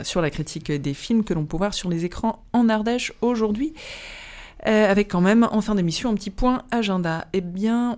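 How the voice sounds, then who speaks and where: A woman hosting a radio film magazine in a studio, relaxed, with fillers and self-corrections. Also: medium pitch. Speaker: radio host.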